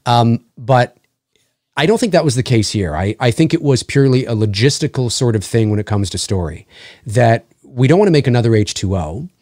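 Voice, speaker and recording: A man's voice: mid-range voice, expressive, a little fast, a little mellow, dry recording, studio quality. A man, a voice actor guest on a podcast, talking at length in casual chat, often restarting and groping for words. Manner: talkative, gropes for words and restarts mid-thought.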